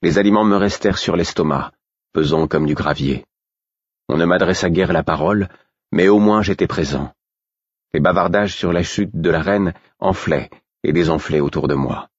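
A man narrating a story in the first person as an audiobook, with measured, even storytelling. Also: deep voice, husky, no room sound. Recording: dull, dry recording.

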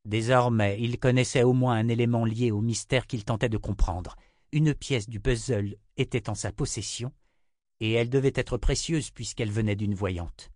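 A man narrates a fantasy novel in a steady, even storytelling voice. His pitch sits in the middle range, and the recording is dry and close. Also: moderate pace, dry recording. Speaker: audiobook narrator. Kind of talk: scripted narration.

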